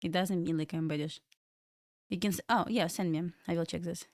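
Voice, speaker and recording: Fairly low and steady, a little mellow and brisk, this Russian-accented Belarusian woman's voice carries her live trading stream from a room at home in Florida. Between market commentary she loosely chats and responds to viewer questions. Studio-quality, no room sound.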